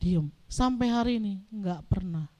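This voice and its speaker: A middle-aged woman pastor giving a sermon as animated storytelling, acting out dialogue as she goes. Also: mid-range voice, moderate pace.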